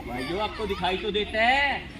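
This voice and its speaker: A male magician with a high voice talks to a school audience and keeps calling out to the children. He tells stories in a lively, repetitive way. Loud noise from the school event runs underneath. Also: moderate pace, crowd noise. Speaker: stage magician. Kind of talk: magic show patter for schoolchildren. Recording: noisy school show recording.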